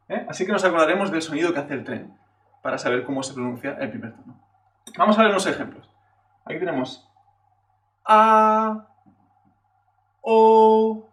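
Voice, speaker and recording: A man's voice: on the high side, fairly bright tone. A man from teaching a Chinese lesson in a patient, explanatory way, often checking in with a questioning "eh" and exaggerating sample syllables to show the tones. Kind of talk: classroom-style video lesson. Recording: roomy echo, voice from a distance.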